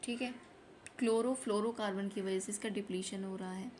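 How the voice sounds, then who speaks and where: A woman teacher running a quick exam revision lesson, asking each question and repeating the answer so it sticks. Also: medium pitch, fairly even intonation, a little mellow, a little hiss or hum. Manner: repeats each answer, mixes Hindi with English terms. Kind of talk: fast quiz-style revision lesson.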